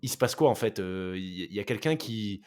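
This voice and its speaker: A man's voice: lowish voice, lively intonation, fairly quick, a little mellow. A man hosting a podcast, asking hesitant questions full of fillers. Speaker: podcast host. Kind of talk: interviewing.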